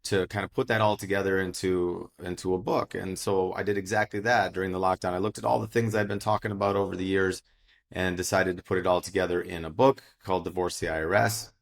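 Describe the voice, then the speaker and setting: A middle-aged American man, a financial advisor, giving steady, explanatory answers in a casual interview. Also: low voice, fast talker, vocal fry. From United States.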